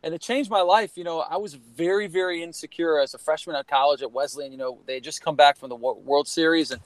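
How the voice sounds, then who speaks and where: A former college baseball player, now around forty and originally from Connecticut, shares his story earnestly as a guest on a podcast, rambling and looping back with "you know." His voice is a bit high for a man and quick-paced. The recording is close and dry, with poor audio quality.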